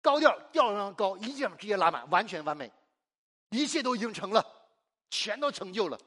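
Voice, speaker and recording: A man's voice: high voice, very animated, brisk, a bit bright. A man from China preaching a sermon, exuberant and emphatic, asking the congregation questions and answering them himself. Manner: call-and-response, asks the congregation and answers himself; exuberant and emphatic, laughs often.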